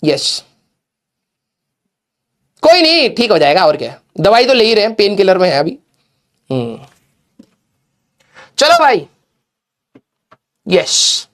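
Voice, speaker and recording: A young male teacher tells a playful story to his class, joking as he goes and dropping in English phrases. His voice sits fairly high for a man. The delivery stays loose and chatty. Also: sing-song, takes it slowly, pauses often, a bit bright. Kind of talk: casual storytelling in an online class.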